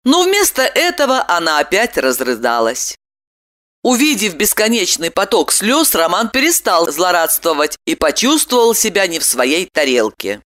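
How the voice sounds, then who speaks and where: A woman reading an audiobook aloud with expressive storytelling. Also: fairly low pitch, normal speed. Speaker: narrator. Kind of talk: audiobook narration.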